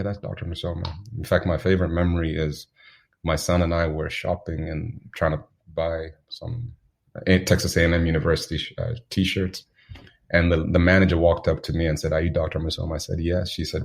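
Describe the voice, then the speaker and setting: Very deep gravelly man from Zambia. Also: flat delivery. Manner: unhurried, anecdotal, chuckles while telling stories. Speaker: guest. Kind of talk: reflective storytelling in an interview.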